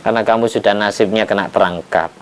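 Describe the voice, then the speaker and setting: A man's voice: lowish voice, fairly even intonation, fast talker, clear, resonant tone. A man, preaching and explaining scripture commentary in a folksy, teasing way, repeating phrases for emphasis. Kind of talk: sermon, explaining Quran commentary.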